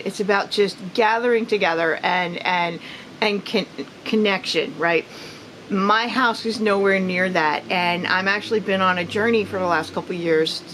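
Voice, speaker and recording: A woman's voice: medium pitch, a bit bright, slight background noise. A woman in her fifties chatting casually about her reading in a rambling way, with many ums and restarts. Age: 50s. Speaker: book vlogger. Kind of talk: casual reading wrap-up chat.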